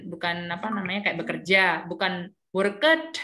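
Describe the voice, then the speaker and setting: A woman's voice: fairly low pitch, a little fast, a bit bright. A woman teacher trainer giving a casual briefing, explaining with worked examples and many fillers.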